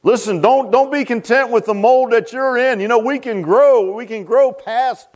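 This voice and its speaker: A man preaches to his church congregation at a normal speed, his deep voice a little mellow. This pastor, speaking in the sanctuary, repeats and restarts himself and calls out to the crowd.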